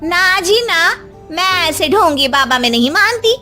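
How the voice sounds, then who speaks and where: A woman's voice: very high-pitched, expressive, measured pace, pushed and bright, soft background music, voice pushed up, heavily acted. A woman voicing a cheeky young daughter-in-law in a cartoon, sarcastic and talking back.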